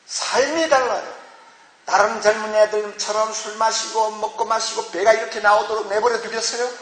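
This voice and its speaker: A man's voice: extremely high pitch, fairly bright tone. A man preaching a sermon as pastor, emphatic, with rhetorical questions and exclamations, in a large church hall. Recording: echoey church hall with long reverb.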